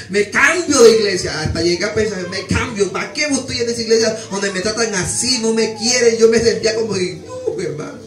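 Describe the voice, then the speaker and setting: A man's voice: high-pitched, reverberant, distant mic. A man preaching, giving an emotional testimony and calling his listeners brother again and again. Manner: emotional, keeps addressing listeners as "hermano". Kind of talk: sermon testimony. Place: church.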